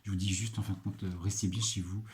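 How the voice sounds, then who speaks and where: A French librarian presenting picks in a casual video, hesitant and full of filler pauses as he checks his notes. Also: low-pitched, little pitch movement, a little mellow, slight background noise. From France.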